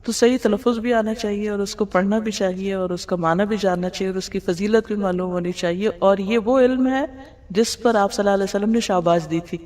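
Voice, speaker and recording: A woman's voice: medium pitch, fairly even intonation, darkish tone. Woman lecturing in a reverberant hall. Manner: explanatory, asks rhetorical questions; mixes English words into her talk. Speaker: Islamic teacher. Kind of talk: religious lecture explaining hadith.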